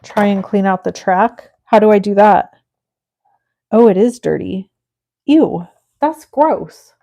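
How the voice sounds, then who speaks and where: Chatty forties woman, mid-pitched, casual live crafting host talking to her viewers. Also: expressive, slow, creaky, warm tone. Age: 40s. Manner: chatty, thinks aloud and talks to viewers. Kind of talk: casual chat while crafting.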